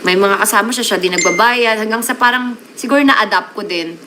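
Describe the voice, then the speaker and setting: A woman's voice: medium pitch, fairly quick, noisy background. A woman hosting a casual live stream, chatting with her viewers and mixing English words into her Tagalog.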